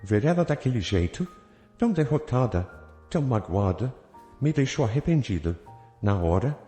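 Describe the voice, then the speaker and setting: A man's voice: medium pitch, big pitch swings, normal speed, mellow. A man narrating a dramatic first-person family story, emotive and theatrical in delivery. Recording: echoey reverberant room with faint music.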